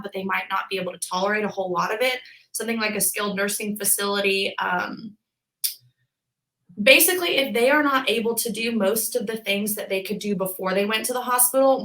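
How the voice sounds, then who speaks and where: A physical therapist in her twenties chats casually as a podcast guest, peppering her speech with "like" and "um." Her medium-pitched voice sounds pushed and bright, and the recording quality is rough.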